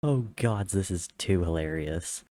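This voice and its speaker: A man's voice: low-pitched, expressive, unhurried, warm tone, no echo. A man voicing a dry, curt, arrogant young warrior tutor in a story reading. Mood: mocking.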